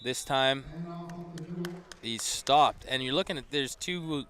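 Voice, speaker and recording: A man's voice: mid-range voice, takes it slowly, slight background noise. Chatty football play-by-play man. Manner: chatty and rambling, rising to excited shouts on big plays. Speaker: play-by-play commentator. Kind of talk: live football commentary. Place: outdoor football stadium. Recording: live stream from a stadium crowd. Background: crowd.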